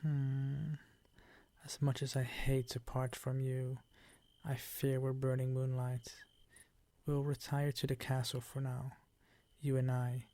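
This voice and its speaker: A man voicing a predatory, possessive vampire count in an ASMR roleplay, with formal, teasing, commanding phrasing and a breathy voice that often sinks toward a whisper. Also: mid-range voice, completely flat delivery, takes it slowly, warm tone, no echo. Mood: smug, seductive.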